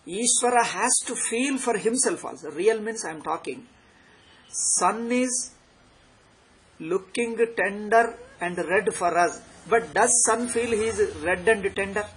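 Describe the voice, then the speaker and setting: A man's voice: high-pitched, a bit bright, rough recording. South Indian man teaching, with background noise. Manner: emphatic, repeats phrases for emphasis. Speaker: spiritual teacher. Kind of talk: extempore philosophy lecture.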